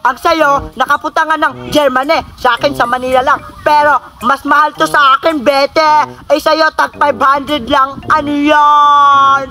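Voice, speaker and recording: A woman's voice: high-pitched, little pitch movement, measured pace, few pauses, over music. A woman voicing a teasing, jealous little boy in a comic skit, in a sing-song childish voice.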